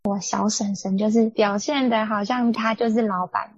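A young woman co-hosting a podcast, telling a family story in an animated, indignant way. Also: mid-range voice, moderate pace, husky, no room sound. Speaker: podcast co-host. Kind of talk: casual storytelling chat. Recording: dull lo-fi dry sound.

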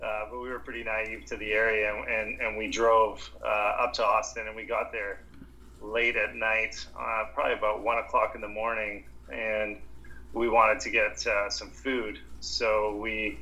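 A man with a low, bright, forceful voice tells his story as a podcast guest. He speaks in a flat, even tone and stumbles over restarts and repeated words as he goes. He sounds like a restaurant owner in his thirties. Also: moderate pace, dull audio. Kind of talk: casual interview storytelling.

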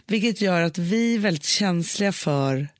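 Mom talking it through out loud, lots of "like" and restarts, dry close sound. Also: female voice, on the low side, lively intonation, dry recording. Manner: thoughtful, reasoning aloud with many fillers. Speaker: mother. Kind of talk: casual chat.

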